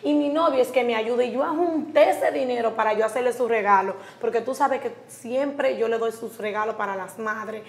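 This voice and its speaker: A woman's voice: fairly high pitch, normal speed, few pauses, natural voice. A woman playing a university-student daughter who defends her heartfelt gift. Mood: defensive. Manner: defensive, pleading. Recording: roomy echo.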